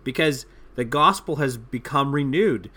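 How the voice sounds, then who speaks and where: A man with a bright, forceful voice, talking through theology on a discussion panel. He explains slowly and thoughtfully, with plenty of fillers and restarts. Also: medium pitch, expressive.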